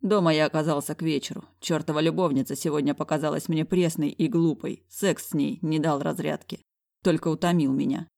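A woman reading a first-person audiobook narration in a wry, even storytelling manner. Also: deep voice, fairly quick, creaky, no echo, clean studio sound.

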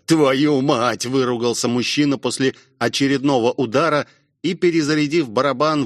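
A man narrating an action audiobook in a steady dramatic reading. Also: mid-range voice, no room sound, clean studio sound.

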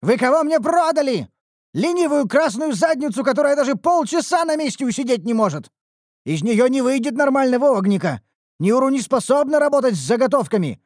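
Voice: mid-range voice, lively intonation, moderate pace, no echo, studio quality, voice pushed up, close to an everyday voice. Narrator doing a scolding grumpy blacksmith. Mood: indignant. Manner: indignant, scolding shouts. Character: grumpy indignant male blacksmith. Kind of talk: audiobook character voice.

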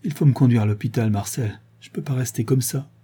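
A man's voice: mid-range voice, a little fast, dark tone, husky. A man voicing a wounded farmhand who sounds weak and shaken and pleads for help. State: weak and injured. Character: wounded, desperate male farmhand.

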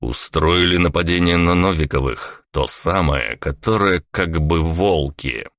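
A man reading an audiobook voices a wary male companion who speaks low and accusingly. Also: measured pace, fairly bright tone, dry recording, clean studio sound.

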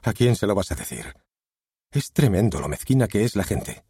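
A man's voice: lowish voice, sing-song, normal speed, warm tone, husky, no echo, studio quality, exaggerated voice. A man voicing an evasive, defensive husband in an audiobook, speaking curtly.

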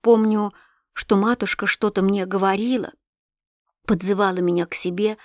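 A woman narrating a classic novel as an audiobook, in an expressive, emotional way. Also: medium pitch, moderate pace, dry recording, studio quality. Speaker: audiobook reader.

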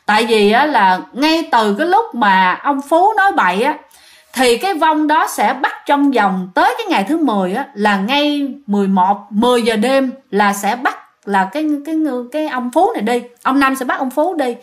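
Southern vietnamese woman telling ghost stories, high voice, chatty, talks right to the listeners. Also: expressive, moderate pace. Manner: chatty, addressing listeners directly. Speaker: storyteller. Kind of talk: ghost story narration.

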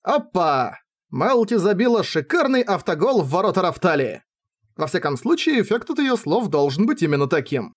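A man's voice: high voice, big pitch swings, fairly quick, husky. A man reading a novel aloud in first person, with a wry, conversational manner. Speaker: audiobook narrator.

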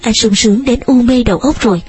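A woman's voice: fairly high pitch, fast talker, darkish tone, breathy edge, faint music behind. A woman voicing a passionate young man who pleads urgently with the woman he lost. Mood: pleading.

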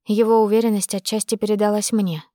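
A woman reading a first-person novel aloud as an audiobook narrator, with brisk, intimate storytelling. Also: medium pitch, little pitch movement, warm tone, no echo, studio quality.

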